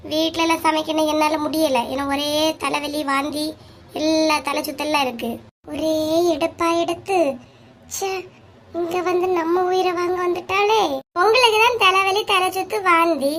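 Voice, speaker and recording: A woman voicing sharp-tongued village women in a cartoon comedy, with a Kanyakumari Tamil accent and a nagging, scolding way of talking. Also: very high-pitched, fairly even intonation, normal speed, a little hiss or hum. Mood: bickering.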